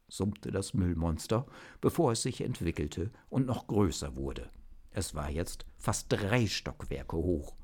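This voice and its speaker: A man reading a story aloud as narrator, in an expressive, lively manner. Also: low-pitched.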